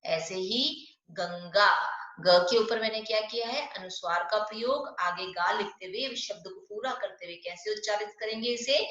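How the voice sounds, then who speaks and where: A woman teaching a primary school Hindi class online. She is patient, asks questions and answers them herself, and spells words out slowly. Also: mid-range voice, fairly bright tone, reverberant, highs cut off.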